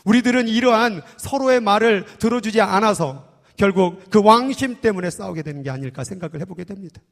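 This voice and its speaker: A man in his thirties leads a church sermon as pastor. His voice sits high for a man and carries through a large hall with a long reverb. He speaks conversationally and keeps prodding the congregation with playful questions. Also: expressive, brisk, vocal fry. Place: church sanctuary.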